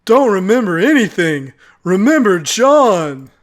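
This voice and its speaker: A man's voice: high voice, very animated, unhurried, pitched above the performer's own voice. A man voicing an old, blind dog who anxiously waits for his master. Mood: eager.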